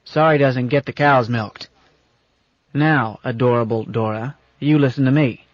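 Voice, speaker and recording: Brief: man voicing a bossy, folksy old skipper, firm and a bit loud, on a dull lo-fi track. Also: medium pitch, measured pace, no echo, natural voice. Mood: stern, folksy. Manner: gruff, commanding, folksy. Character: gruff, bossy old space captain, affectionate. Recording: dull lo-fi audiobook recording.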